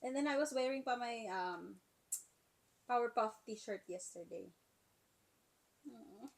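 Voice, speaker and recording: A 27-year-old woman, casually unboxing gifts on a tablet mic, excitable and mixing Tagalog into her English while getting over a sore throat. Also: a little high, normal speed, gravelly. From Philippines. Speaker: vlogger. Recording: crinkling packaging noise close by.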